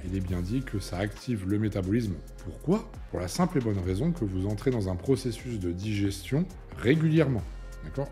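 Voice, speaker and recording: A man's voice: lowish voice, mellow. A young man, a fitness coach, talking casually to camera, chatty and emphatic, with many fillers and asides.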